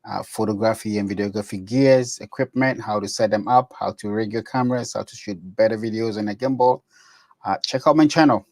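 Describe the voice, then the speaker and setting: A man's voice: on the low side, fairly quick, a little mellow, no echo. A man from Canada, a co-host photographer, introducing himself in an upbeat, straightforward way over a video call. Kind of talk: casual self-introduction.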